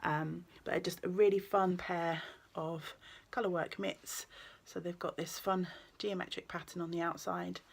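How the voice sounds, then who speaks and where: A woman's voice: on the low side, fairly even intonation, measured pace, vocal fry, hardly any pauses. Chatty woman, rambling knitting vlog. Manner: rambling, with many ums and self-corrections. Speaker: knitting vlogger and yarn shop owner.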